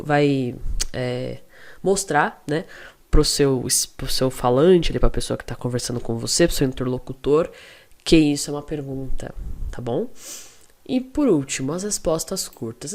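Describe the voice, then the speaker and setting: An English teacher with a Brazilian Portuguese accent talks through a video lesson. The teacher explains each point step by step and checks in with the class often, then says the English example sentences slowly and carefully so learners can follow. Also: mid-range voice.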